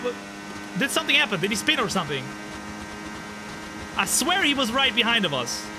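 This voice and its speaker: A twenty-five-year-old man livestreams a racing game, chatting with viewers and calling the race with jokes at his own expense. His voice is very high-pitched, sing-song, and fairly quick, with the game's racing car engine noise running behind it.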